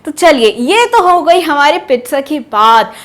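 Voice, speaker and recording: A woman leads an online pronunciation lesson. She quizzes her viewers playfully and stretches out key words to stress them. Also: high-pitched. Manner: lively and teasing, quizzes the viewers, drawn-out emphasis on words. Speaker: English teacher.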